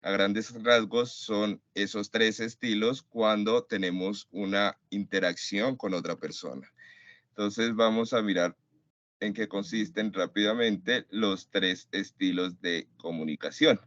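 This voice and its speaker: A man with a lowish voice gives a lecture in a web conference, explaining points patiently to his class. His voice comes over a dry, dull call mic. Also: fairly even intonation, unhurried, a bit bright, no echo. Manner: explanatory, addresses students directly.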